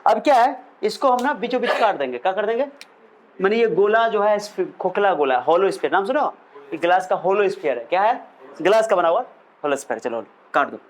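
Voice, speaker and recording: Young male physics teacher with a high voice, chatty, asks and answers his own questions. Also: fairly bright tone, poor audio. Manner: asks questions and answers them himself, mixes in English terms; chatty, jokey asides. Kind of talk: classroom lecture.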